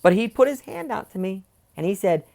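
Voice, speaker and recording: Gravelly, heated young man venting. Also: high voice, lively intonation, brisk, darkish tone. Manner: angry, swearing, goes off on tangents. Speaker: vlogger. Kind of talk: ranting personal vlog.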